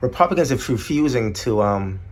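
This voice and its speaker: On his solo podcast, a man goes on a rambling, expletive-laden rant, expressive and a little quick in his delivery. He doesn't mince words and slips into high voices to mimic others.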